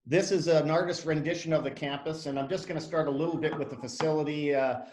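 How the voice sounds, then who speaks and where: A man's voice: fairly high pitch, steady tone, quick pace, a little mellow, roomy sound. A man in his fifties, a school head giving an online information session in an earnest, conversational way, with many fillers and restarts. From Canada.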